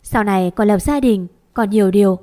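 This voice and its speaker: A woman's voice: mid-range voice, fairly quick, mellow, lightly acted. A woman voicing an old grandmother who scolds fondly and gives homely advice. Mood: chiding.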